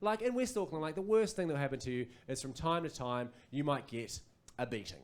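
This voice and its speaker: A man's voice: a little high, a little fast, a crowd in the background. A man with a New Zealand accent performing a stand-up comedy set on a club stage, telling stories and acting out other people's voices. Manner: animated storytelling, acts out voices.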